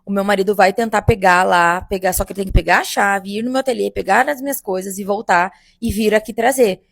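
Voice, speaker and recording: A young woman recounts a job gone wrong in lively, chatty storytelling and keeps turning to her audience. Her voice has a gravelly edge, and the sound is close and dry with no room around it. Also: medium pitch, a little fast, no room sound. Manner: animated, addresses listeners as "gente". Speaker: bridal makeup artist. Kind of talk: casual first-person storytelling.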